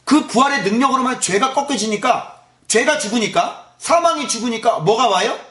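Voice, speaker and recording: A man's voice: very high voice, lively intonation, moderate pace, pushed and bright, echoey room. A male pastor giving a Sunday morning sermon in a church, firing rhetorical questions at the congregation. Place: church sanctuary.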